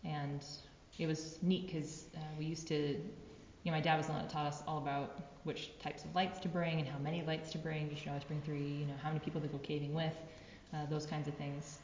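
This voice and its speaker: A woman in her thirties, a cave resource manager, chatting quickly and laughing often while sitting in an underground cave, her voice echoing off the rock. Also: deep voice, little pitch movement, a little mellow, slight background noise. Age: 30s. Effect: cave echo. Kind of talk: casual interview storytelling. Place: large underground cave room. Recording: echoey cave, dull muffled sound.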